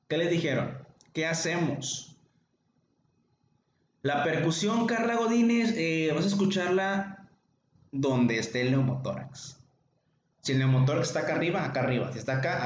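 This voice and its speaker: A man's voice: a little high, slight background noise. A man with a Mexican accent teaching a medical class, chatty and joking, calling on students by name. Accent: Mexican Spanish. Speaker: medical lecturer. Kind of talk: informal online class. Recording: echoey, dull lo-fi room recording.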